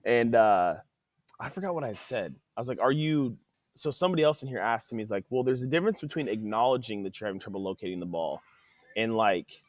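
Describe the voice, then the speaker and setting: A man who is an athletic trainer and podcast guest, telling stories in a casual, animated way and acting out quoted dialogue. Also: mid-range voice, quick pace, no room sound. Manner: animated, acts out quoted dialogue, says "dude" often. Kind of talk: casual conversational storytelling. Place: podcast studio.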